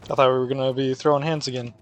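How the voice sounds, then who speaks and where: A man's voice: mid-range voice, little pitch movement, very fast, faint music behind. A man giving casual live commentary as he streams a game.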